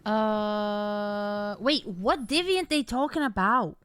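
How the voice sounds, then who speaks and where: A woman's voice: medium pitch, slow pace, a bit bright, clear, resonant tone. A woman streamer giving casual gameplay commentary, chatty and thinking aloud as she plays.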